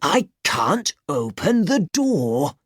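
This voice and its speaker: A woman reading aloud and voicing a kind, practical old grandfather in a storybook, steady and patient. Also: deep voice, extremely slow, breathy edge, no room sound, clean studio sound, pitched above the performer's own voice, heavily acted. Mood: concerned.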